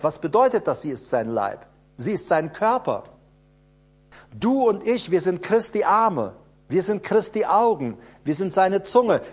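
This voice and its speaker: A man preaching a sermon, emphatic and repetitive, asking rhetorical questions and swinging between hushed lines and loud bursts. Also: high-pitched.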